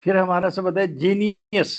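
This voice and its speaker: A man's voice: sits high, flat delivery, moderate pace, dull audio. A man teaching English grammar in a lesson, spelling words out letter by letter.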